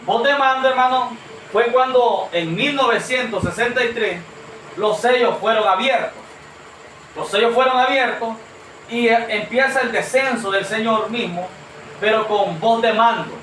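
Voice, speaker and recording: Man, preacher, sermon, high voice, far from the mic, echoey church hall. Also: measured pace, fairly bright tone, slight background noise. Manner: earnest, addresses congregation as brother, rhetorical questions.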